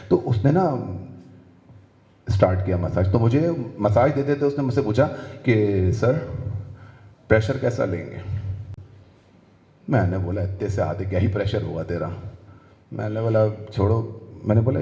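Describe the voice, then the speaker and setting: A man with a Pakistani Urdu accent doing a crude stand-up comedy set, acting out dialogue in quick voices. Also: lowish voice, creaky, mellow, highs cut off. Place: live comedy venue. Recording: roomy hall reverb.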